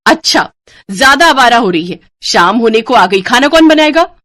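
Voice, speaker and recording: A woman voicing a harsh, bossy middle-aged sister-in-law in an animated storybook, scolding loudly. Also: fast, no room sound, natural voice. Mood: scornful. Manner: scolding, shrill and loud.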